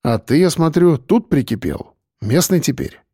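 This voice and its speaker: A man's voice: a little high, big pitch swings, normal speed, dark tone, dry recording, studio quality, exaggerated voice. A man doing a grumbling older patient. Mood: warm. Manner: grumbling, gruff.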